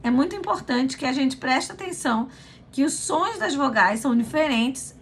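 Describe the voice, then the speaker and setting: High-pitched Brazilian woman, school director giving an informal lesson, loose and explanatory. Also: expressive, normal speed, slight background noise. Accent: Brazilian Portuguese. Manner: explanatory, conversational, with frequent fillers. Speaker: language school pedagogical director. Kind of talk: informal teaching talk.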